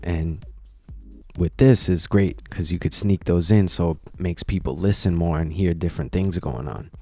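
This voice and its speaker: A man casually explaining software steps one at a time in a screen-recorded tutorial, with lots of "you know"s. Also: deep voice, normal speed, faint music behind. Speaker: tutorial presenter.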